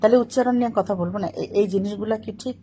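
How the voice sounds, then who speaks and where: A middle-aged woman speaks to camera in a firm, corrective manner as she picks apart pronunciation mistakes. Her pitch is moderate and her delivery is deliberate and explanatory. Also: warm tone, slight background noise. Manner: corrective, lecturing about pronunciation. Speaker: vlogger answering critics. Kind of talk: talking to camera.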